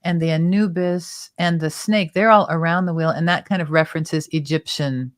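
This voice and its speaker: A woman's voice: low voice, fairly even intonation, normal speed, dry recording, studio quality. A woman hosting a tarot talk show, chattily explaining the cards and their symbols at length. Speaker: tarot reader and show host.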